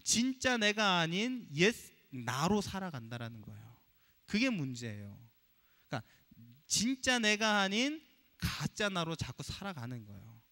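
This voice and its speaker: A man's voice: high voice, pushed and bright. A pastor preaching a sermon to his congregation, asking them rhetorical questions as he goes. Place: church sanctuary. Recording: long reverb of a church hall.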